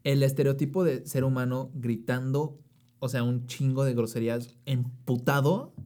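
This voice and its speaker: A young Mexican man co-hosting a podcast, with a strong, loud voice, excitable and slangy in casual chat. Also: medium pitch, moderate pace. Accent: Mexican Spanish. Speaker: podcast co-host.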